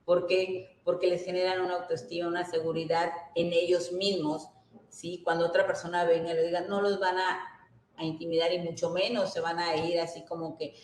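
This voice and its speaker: A woman's voice: on the low side, level tone, brisk, a little mellow, slight background noise. A woman gives an earnest workshop talk, often checking in with her listeners. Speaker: workshop speaker. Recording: roomy echo.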